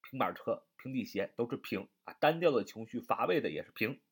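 A man's voice: medium pitch, lively intonation, a little fast, husky. A man teaching a vocabulary lesson, spelling words out letter by letter and asking and answering his own questions.

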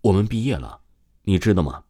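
A gentle teenage girl who asks her questions quietly and hesitantly, as a man reading the story gives her lines. The voice stays low, yet the delivery rises and falls freely. It sounds like a storybook reading rather than full acting. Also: sing-song, a little fast, no room sound, studio quality. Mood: wistful.

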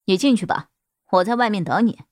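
A woman storyteller voicing a male shop boss who talks in a lowered, coaxing, soothing way. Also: expressive, fairly quick, dry recording, clean studio sound, lightly acted. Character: gruff flustered male shop boss, gentle underneath.

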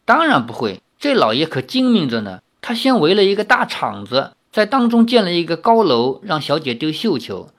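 A man's voice: a little high, very animated, moderate pace, few pauses, a bit bright. Guy reading, doing a sweet playful young girl's voice, lilting and teasing, bouncing up and down a lot. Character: sweet playful young woman, devoted and fierce.

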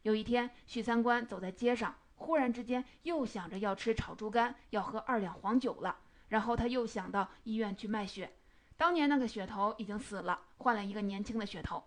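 Woman, book commentator, measured storytelling, fairly high voice. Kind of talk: retelling and analyzing a novel.

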